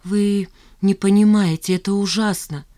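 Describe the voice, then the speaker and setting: A distraught young woman , as an audiobook reader puts her on, speaks in pleading, exclamatory bursts. She sounds worn out and desperate, and the pitch stays in a middle range. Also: fairly even intonation, normal speed, dark tone, no echo, studio quality, close to an everyday voice. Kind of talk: audiobook character voice.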